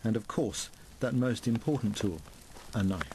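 A man narrating a documentary in a calm, measured, scripted way. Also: lowish voice, slight background noise. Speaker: presenter narrating.

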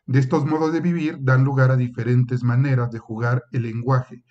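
This man lectures as a university professor, his mid-range voice level and moderately paced, explaining at length with frequent filler sounds. He acts out short example exchanges along the way, and the audio is dull.

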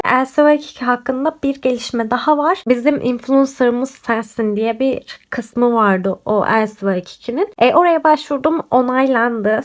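A young woman chatting casually to camera about clothes she bought, talking straight to her viewers, her voice a little off from being sick. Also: high voice. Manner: chatty, addresses viewers directly, frequent fillers. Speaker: lifestyle vlogger. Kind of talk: casual haul and review chat to camera.

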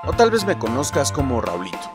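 A man's voice: medium pitch, wildly swooping pitch, brisk, music in the background. A man with a Mexican accent voicing a male video game hero who jokes to the viewers while falling. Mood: jokey. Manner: joking, chatty aside to the audience.

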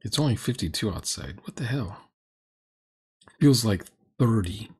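Reacting to a roleplaying game video, a middle-aged critic delivers blunt, sarcastic commentary full of exasperation. He speaks at an unhurried pace in a fairly low, expressive voice with a breathy edge.

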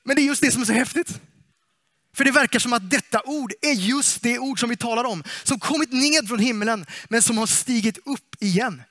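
Bright-voiced, playful Swedish-speaking preacher man. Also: very high voice, dry recording, clean studio sound. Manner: lively, playful, asks the congregation questions. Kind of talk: sermon. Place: church.

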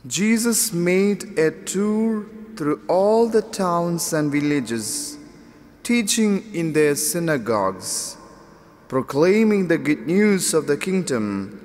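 High-voiced priest with cathedral echo. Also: male voice, expressive, darkish tone. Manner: solemn, measured proclamation. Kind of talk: liturgical gospel reading. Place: large church. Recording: long church reverb.

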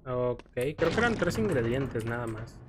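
A Mexican man streaming video games rambles casually through his gameplay commentary, using slang and playful profanity. His medium-pitched voice is very animated but unhurried, and there's background noise plus video game music behind him.

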